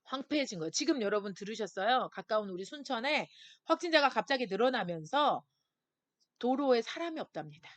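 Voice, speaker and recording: A woman pastor preaching to young people, her voice high and constantly rising and falling. She pushes hard on key points, then sinks to a soft near-whisper. The sound is close and dry. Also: fairly quick, dry recording. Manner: lively and emphatic, acting out voices of worried listeners. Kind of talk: sermon to a youth group.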